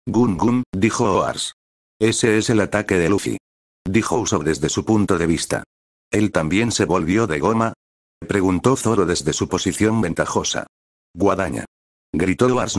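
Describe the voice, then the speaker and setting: A man reads a fan story aloud with a fairly low voice. His delivery stays even and steady across every character. The sound is dry and close. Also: dry recording. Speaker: narrator. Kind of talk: scripted narration of a fan story.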